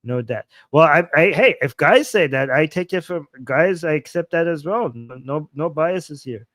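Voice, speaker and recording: With a slightly high voice, lively intonation, and a fairly bright tone, a man in his forties moves at a moderate pace while hosting a casual livestream. He reads chat aloud and reacts playfully, chuckling and repeating himself. The recording is dry.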